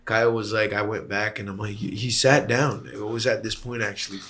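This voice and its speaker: A man telling a story in casual chat, emphatic and animated, acting out what was said. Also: fairly low pitch, a little fast. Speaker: hiker recounting a climb.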